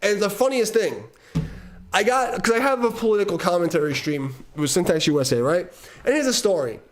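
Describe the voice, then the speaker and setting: High-pitched laughing Brooklyn man, profane. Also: animated, brisk. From Brooklyn, New York. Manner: laughs often mid-sentence, heavy swearing, repeats words as he talks. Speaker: streamer telling a story to guests. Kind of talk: casual profane storytelling on a live stream.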